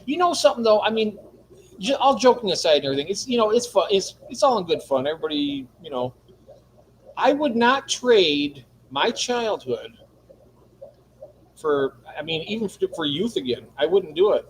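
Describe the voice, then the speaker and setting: A man's voice: high-pitched, big pitch swings, normal speed, slight background noise, poor audio. A man co-hosting a casual livestream, joking around, laughing often and reading chat comments aloud. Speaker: livestream co-host.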